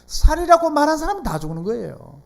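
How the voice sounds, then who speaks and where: In a church sanctuary, a South Korean pastor with a Gyeongsang accent preaches a sermon, constantly throwing rhetorical questions at the congregation. His voice is high-pitched and very animated, with a quick pace and some vocal fry.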